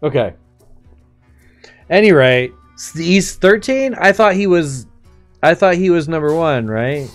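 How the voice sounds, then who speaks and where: A man's voice: fairly high pitch, expressive, a little slow, pauses often, faint music behind. A man live-streaming a game, chatting and commenting casually with slangy, sweary speech.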